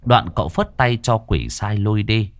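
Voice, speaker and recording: A man's voice: fairly low pitch, animated, measured pace, no echo. A man telling a ghost story in a dramatic, suspenseful way.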